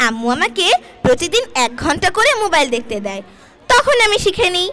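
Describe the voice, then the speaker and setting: A woman's voice: very high-pitched, sing-song, fairly quick, sharp tone, exaggerated voice. A woman voicing a well-behaved, sensible child puppet who earnestly explains and gives advice in a children's show. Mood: advising. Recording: very noisy puppet show recording.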